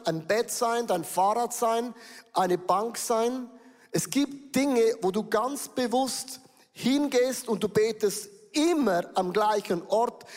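A pastor preaching a sermon in a high, light voice, speaking to the congregation and often asking them questions. His delivery is lively and direct. The sound carries a long reverb, as in a church hall.

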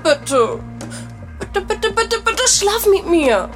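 A man's voice: extremely high pitch, big pitch swings, drawn-out words, fairly bright tone, soft background music, voice pushed up, heavily acted. A male preacher voicing Potiphar's wife, a pushy, seductive woman who pleads insistently. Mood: pleading.

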